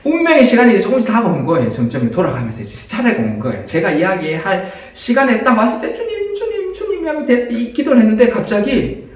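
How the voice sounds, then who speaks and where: A male priest preaches in a lively, storytelling way, his pitch rising and falling as he poses questions to the congregation. The sound is very echoey, as if from a big church. He is picked up from some way off the mic. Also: quick pace, recorded from a distance. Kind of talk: sermon.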